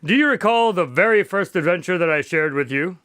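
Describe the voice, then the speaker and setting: A man's voice: sits high, lively intonation, brisk, fairly bright tone, clean tone, dry recording, studio quality. A man playing a courteous, easily flustered doctor and storyteller in a radio drama, with a polite, old-fashioned, theatrical manner. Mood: genial. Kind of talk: radio drama acting and narration.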